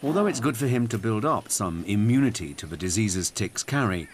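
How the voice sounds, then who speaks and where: A man giving scripted narration for a wildlife documentary, measured and gently explanatory, recorded as a studio voice-over. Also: fairly low pitch, animated, a little hiss or hum. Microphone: close studio mic. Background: music under the narration.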